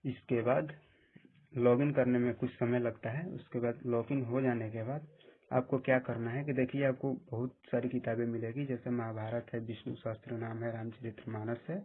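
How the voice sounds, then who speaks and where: A man with a husky voice giving plain step-by-step instructions in a screen-recorded app tutorial. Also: medium pitch, little pitch movement, moderate pace. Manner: plain step-by-step instructions, often saying "dekhiye". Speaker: tutorial presenter. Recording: tinny phone-like audio.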